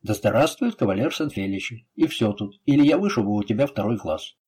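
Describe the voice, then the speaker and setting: A man reading an audiobook voices a bold, fierce captain who talks forcefully and threateningly. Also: on the low side, expressive, a little fast, slightly rough.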